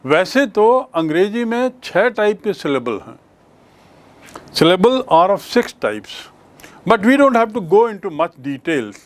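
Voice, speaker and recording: A male teacher, explaining grammar in a classroom lesson, slowly repeating and spelling out words. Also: high voice, sing-song. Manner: slow, repeats and spells out words, mixes English phrases.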